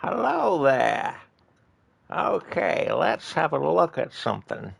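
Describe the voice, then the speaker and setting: Guy putting on a crackly old geezer voice, real slow, swoopy. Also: a little high, sing-song, voice pushed up, full character voice. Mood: taunting. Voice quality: gravelly creaky crackle. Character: creaky slow old man trading insults.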